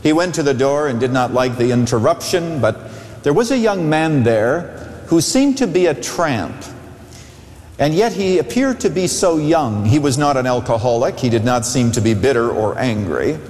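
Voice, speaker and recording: A man pastor preaching a sermon at a pulpit microphone, telling a story with an expressive, storytelling delivery. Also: mid-range voice, moderate pace. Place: large church sanctuary. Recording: echoey church hall with long reverb.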